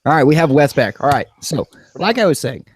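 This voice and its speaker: Sarcastic rambling podcast host. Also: male voice, a little high, fairly quick, slight background noise. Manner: sarcastic, rambling, shifting from flat to animated. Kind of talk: casual podcast chat.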